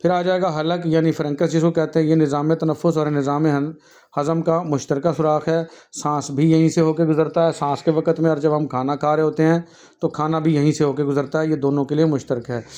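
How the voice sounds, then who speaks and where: A man's voice: a little high, level tone, a little fast, darkish tone. A man giving a patient classroom lecture on anatomy, talking students through diagrams, often calling them "beta", with frequent fillers and self-corrections. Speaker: nursing and health teacher.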